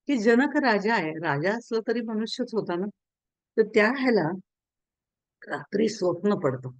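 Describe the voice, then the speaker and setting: A woman's voice: medium pitch, dry recording. A woman giving a spiritual discourse on a religious text, telling a story and acting out its voices. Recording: dull lo-fi dry recording.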